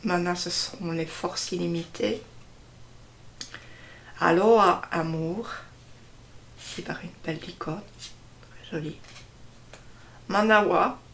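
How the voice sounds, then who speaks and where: A woman slowly presenting a deck of cards one by one, hesitating often and stressing each card name. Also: lowish voice, fairly even intonation, a bit bright. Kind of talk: casual card unboxing walkthrough.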